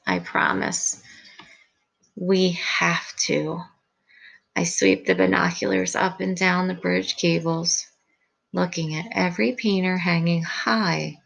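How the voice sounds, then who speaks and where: Woman teacher reads a storybook aloud: unhurried, lowish voice, gravelly texture, expressive. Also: poor audio. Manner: expressive storybook reading, pausing to comment. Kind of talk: reading a picture book aloud.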